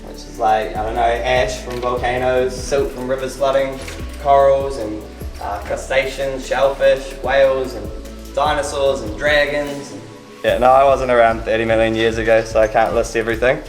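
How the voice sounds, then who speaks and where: A man's voice: mid-range voice, level tone, moderate pace. A man working as a cave tour guide, talking casually and jokingly, his voice echoing inside the cave. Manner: joking, laid-back. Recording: echoing cave, distant mic, background music.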